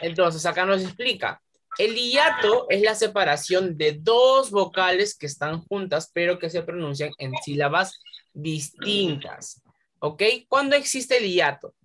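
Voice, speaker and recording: Slow, patient woman teacher. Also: fairly low pitch, fairly bright tone. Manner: patient, quizzing pupils step by step. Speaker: primary school teacher. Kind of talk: online class lesson.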